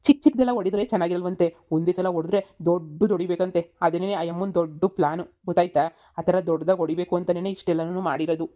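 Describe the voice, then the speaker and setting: A woman voicing a young village man in a cartoon comedy, a scheming son who talks briskly and persuasively. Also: on the low side, steady tone, dark tone, lightly acted. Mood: smug.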